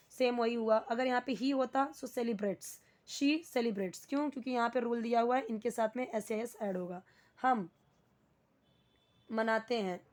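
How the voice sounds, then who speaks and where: A young adult woman teaching English grammar, who reads English sentences slowly and then explains each word in Hindi. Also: on the high side.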